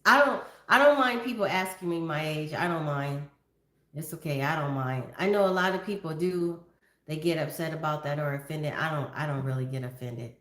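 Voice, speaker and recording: Reading viewer comments on a casual livestream, a woman in her fifties greets people by name and talks about her day. Her low voice has a fairly bright tone and a normal pace, recorded in an echoey room.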